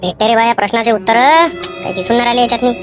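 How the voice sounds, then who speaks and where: Music plays in the background as a woman rattles off lines in a fairly high, natural-sounding voice. She's doing animated cartoon voice acting as a schoolboy who mischievously pleads and whines while trying to cheat on an exam, with a Vidarbha Marathi accent.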